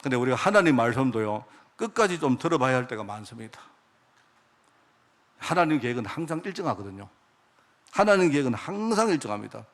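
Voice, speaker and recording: Preaching briskly with big pitch swings and frequent pauses, this middle-aged pastor has a medium-pitched voice. He keeps questioning his congregation and supplying the answers, letting phrases trail off into quiet asides.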